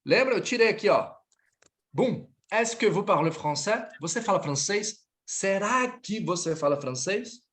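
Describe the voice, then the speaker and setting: A man's voice: sits high, animated, measured pace, fairly bright tone. Male language teacher, patient drill style, live online class, corrects students between languages. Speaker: French teacher.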